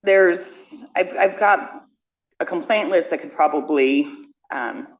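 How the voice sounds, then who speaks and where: A woman speaking for her community at a council meeting, briskly listing practical complaints. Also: lowish voice, lo-fi sound, slight background noise.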